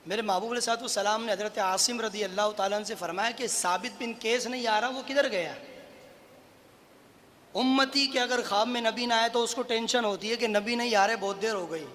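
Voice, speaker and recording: A man preaching a fervent sermon at a mosque gathering, moving from quiet storytelling to loud exhortation. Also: sits high, a little fast, long reverb tail. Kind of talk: impassioned sermon. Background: congregation.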